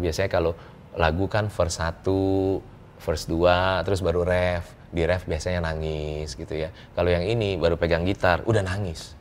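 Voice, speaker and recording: A man, a business coach telling personal stories in a casual interview, lively and joking, chuckling often and mixing in English words. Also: low-pitched, a little hiss or hum. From Indonesia.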